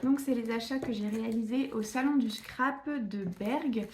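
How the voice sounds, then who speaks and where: A woman's voice: on the high side, normal speed, a little hiss or hum. A woman from northern France chatting through a scrapbooking haul, hesitant with many fillers and restarts. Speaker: scrapbooking YouTuber. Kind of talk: casual haul video.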